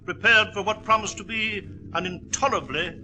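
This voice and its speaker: An actor playing an anxious, blustering middle-aged English doctor with a British accent and a halting, flustered delivery in 1940s radio style. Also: male voice, high voice, very noisy, close to an everyday voice. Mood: grave recounting. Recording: vintage 1940s radio recording.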